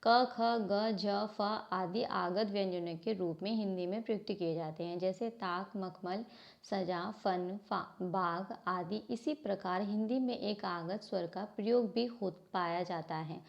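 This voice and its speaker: A woman's voice: medium pitch, a little slow, gravelly. A woman teaching Hindi grammar to a class, asking questions and answering them herself, often stopping to correct herself. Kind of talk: classroom lesson explaining from a book. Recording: slightly dull lo-fi sound.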